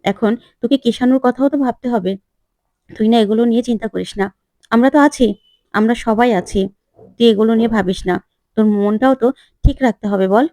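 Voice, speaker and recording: A woman voicing a calm, protective young woman in a retold TV serial, giving soothing but firm advice. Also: a little high, a little fast, long pauses, no echo, close to an everyday voice. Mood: reassuring.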